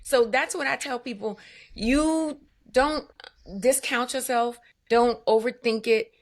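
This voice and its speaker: Animated, emphatic woman telling a story. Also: a little high, takes it slowly. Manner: animated and emphatic, with vivid asides. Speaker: guest, spa owner. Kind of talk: conversational storytelling.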